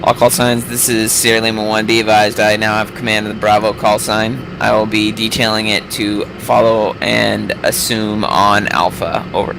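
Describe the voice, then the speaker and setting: A man's voice: fairly low pitch, level tone, normal speed, creaky, few pauses. A man giving formal, clipped military radio calls as a commander in an online simulation, over a crackly radio-style voice link. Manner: clipped, formal call-sign phrasing.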